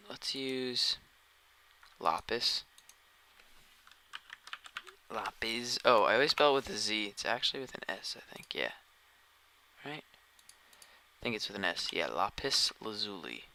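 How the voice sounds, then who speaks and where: A man's voice: fairly low pitch, expressive, unhurried, long pauses, bright, forceful tone, a little hiss or hum. A tired man streaming a game, chatting casually and thinking aloud as he plays. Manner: rambling, thinking aloud while playing. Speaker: gaming streamer. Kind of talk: casual live-stream commentary.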